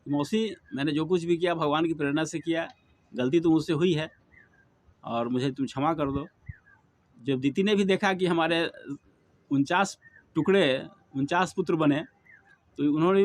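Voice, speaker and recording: A middle-aged man giving an earnest devotional discourse on scripture, rising and falling for emphasis as he preaches. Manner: earnest, preaching, rises and drops in pitch for emphasis. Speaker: Bhagavatam speaker.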